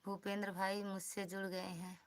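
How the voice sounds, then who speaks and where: With little pitch movement in her mid-range voice, a woman from Uttar Pradesh, India, talks at normal speed in an Awadhi accent. She hosts a casual live stream, chatting, greeting commenters by name, and asking viewers to back each other and return.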